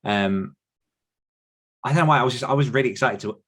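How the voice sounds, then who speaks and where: Speaking a little fast with a fairly bright tone, this medium-pitched British man is an author guesting on a podcast. In the interview he shares relaxed personal stories, self-deprecating and talkative, frequently musing aloud as he goes.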